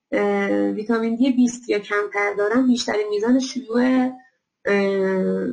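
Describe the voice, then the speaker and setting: A woman lectures on health over slides, her voice carrying a gravelly edge. She explains step by step at a middle pitch and stops often on filler sounds. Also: poor audio. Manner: explanatory, many filler pauses.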